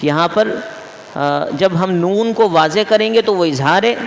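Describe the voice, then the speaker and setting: Recorded in a mosque hall with long, echoing reverb and faint hiss or hum, a man whose voice sits high teaches Quran recitation rules. This mufti repeats each rule and quizzes the class as he goes.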